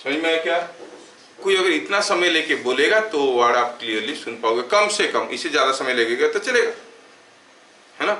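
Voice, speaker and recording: A man teaching a physics class, often asking questions and slowly dictating notes. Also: on the high side, expressive, bright, forceful tone. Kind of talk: classroom lecture mixing Hindi and English. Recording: echoey room, voice from far off, faint hiss.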